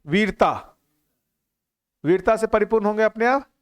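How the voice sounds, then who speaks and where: Man, middle-aged, high voice, earnest group talk, rhetorical questions, repeats key lines. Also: lively intonation, a little slow. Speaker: teacher of a value-education course. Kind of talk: spoken talk to a live group.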